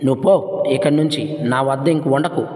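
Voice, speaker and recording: An irritable village farmer in a spoken storybook tale, scolding his animal in a gruff, everyday voice, as a man puts him on. His voice rings with a long room echo. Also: mid-range voice, moderate pace, darkish tone, close to an everyday voice. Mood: angry.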